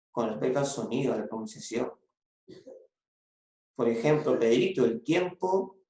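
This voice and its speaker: In an echoey room, a Peruvian man with a coastal Peruvian Spanish accent teaches a secondary school language lesson in a mid-range, darkish voice. He goes step by step, repeats key phrases, and adds little checks like "¿no?" and "¿ya?".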